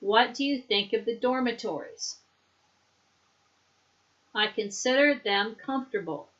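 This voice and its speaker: A woman teaching English, leading a slow repeat-after-me drill and patiently explaining words and pronunciation. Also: on the high side, a bit bright, highs cut off.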